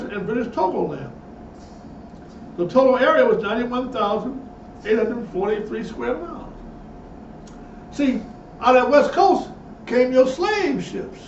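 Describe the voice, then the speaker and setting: A man's voice: extremely high pitch, a little hiss or hum. A man preaching, reading passages aloud and breaking in with emphatic asides. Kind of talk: sermon with read-aloud passages. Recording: echoey, distant, dull lo-fi sound.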